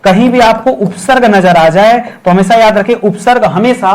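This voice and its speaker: A man's voice: sits high, normal speed. A man teaching a grammar lesson for exam preparation, repeating key terms and checking in with his listeners.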